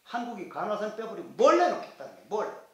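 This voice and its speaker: An older man lecturing monks on Zen, his voice sitting fairly high for a man. He talks bluntly and earthily, mixing teaching with jokes and little acted exchanges. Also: sing-song, fast talker, a little mellow, heavy reverb. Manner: earthy, joking storytelling with dialect voices. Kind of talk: dharma lecture. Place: temple lecture hall.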